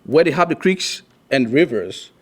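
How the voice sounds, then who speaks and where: A man's voice: fairly high pitch, animated, moderate pace. A young man from Liberia giving a class presentation, earnest and restarting his sentences often. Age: young adult. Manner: earnest, with frequent restarts and fillers. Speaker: student presenter.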